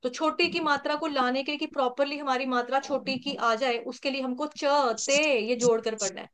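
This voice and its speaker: A woman's voice: sits high, steady tone, normal speed, fairly bright tone. A woman teaching an online class, spelling out syllables one by one and chanting verse lines for students to repeat. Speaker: scripture recitation teacher.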